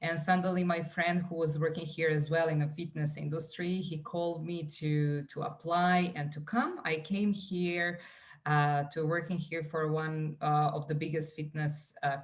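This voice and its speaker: A Serbian-accented wellness coach in her forties speaks earnestly as a guest on a conversational podcast interview, with many fillers and restarts. Her voice is deep and her pace a little slow.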